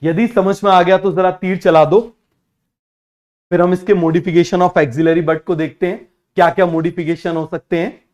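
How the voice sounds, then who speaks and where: A male teacher giving an online biology lesson in Hindi-English mix, repeating key terms and urging students to answer quickly. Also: high voice, flat delivery, a little mellow. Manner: repetitive, keeps asking students to answer quickly; drills terms by repeating them slowly.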